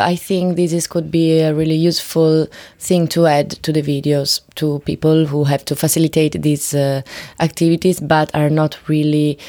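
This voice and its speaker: Low-voiced Italian woman, hesitant. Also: mellow, no echo. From Italy. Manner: hesitant, many fillers. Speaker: youth theatre trainee. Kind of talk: casual interview answers.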